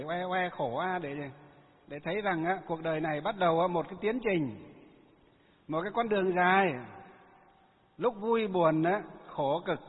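A high-pitched male monk delivers a Buddhist sermon. He throws rhetorical questions at the listeners and then answers them himself. His husky voice rings through a long-echoing hall, heard over a thin, phone-like line. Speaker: Buddhist monk teaching lay followers.

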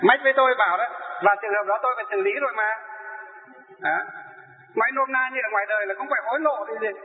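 A man's voice: sits high, fast. A male Buddhist monk giving a sermon, posing questions and answering them himself. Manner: rhetorical questions he answers himself, lively storytelling. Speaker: Buddhist monk teaching lay followers. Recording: echoey hall through a tinny narrow line.

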